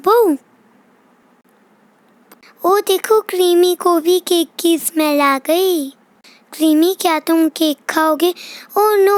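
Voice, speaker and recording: A woman voicing a chatty, bossy young girl in a toy doll play, in a slow sing-song childlike way. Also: very high voice, a little mellow, no echo.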